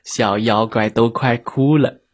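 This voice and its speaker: A man narrating a children's story in a gentle, drawn-out storytelling manner. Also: medium pitch, steady tone.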